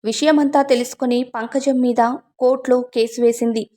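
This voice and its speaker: Woman storyteller for an emotional audiobook, earnest scripted narration, voice sits high. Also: steady tone, moderate pace, mellow.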